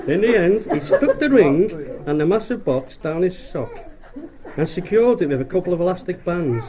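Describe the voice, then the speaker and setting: A man's voice: high voice, sing-song, moderate pace, crowd noise. A middle-aged man giving a rambling, jokey wedding speech as father of the bride, often repeating and restarting his phrases.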